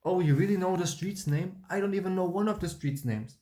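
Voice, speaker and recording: A man imitating his younger teenage self, an eager people-pleaser speaking in a high, fake-sounding voice. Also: brisk, warm tone, close to an everyday voice. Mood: gushing. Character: eager, overly friendly teen boy, his younger self.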